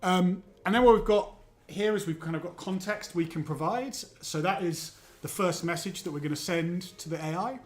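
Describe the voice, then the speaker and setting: A man explains software in a casual livestream demo. He talks in a relaxed, easygoing way. His voice sits a little higher than most men's. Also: normal speed, few pauses. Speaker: guest presenting software.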